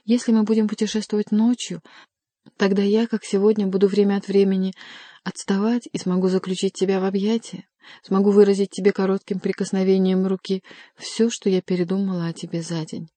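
Woman reading a tender young lady in love, lyrical, mellow voice, dry. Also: medium pitch, flat delivery, fairly quick, dry recording, lightly acted. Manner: gentle, lyrical.

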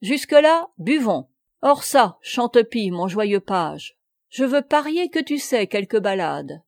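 A swaggering huguenot captain, rough-edged and loud with drink, as a woman narrator puts him on in a storybook reading. He sneers and blusters, delivered at a slow, deliberate pace in a dry, close recording. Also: fairly high pitch, very animated, no room sound, full character voice. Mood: scornful. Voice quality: rough, boisterous. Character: brash drunken male huguenot captain, mocking.

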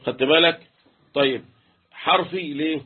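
Through a tinny, phone-like line, a man with an Egyptian Arabic accent teaches Quran recitation rules, quizzing his students and chanting letters in an interactive tajweed lesson. His voice is on the high side with a breathy edge, at normal speed.

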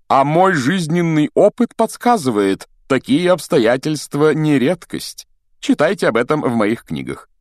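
A man's voice: medium pitch, dry recording, studio quality, voice pushed up. A man voicing a vain, theatrical male wizard teacher who talks in a grandiose, self-admiring way. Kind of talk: audiobook character voice.

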